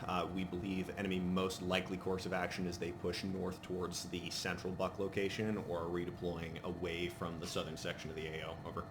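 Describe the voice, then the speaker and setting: A man giving procedural, matter-of-fact military radio calls while playing a simulation game. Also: sits low. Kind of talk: military radio commands, gaming. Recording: loud background noise over game audio.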